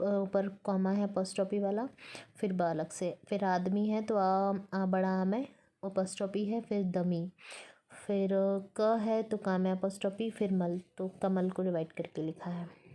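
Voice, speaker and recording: A woman lecturer reads a textbook aloud in a slow, deliberate way. Her voice stays level, with little rise or fall, and has a soft, mellow tone. She stops now and then to break words into pieces and explain how they are written. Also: mid-range voice. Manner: slow, careful reading, breaking words apart to explain spelling.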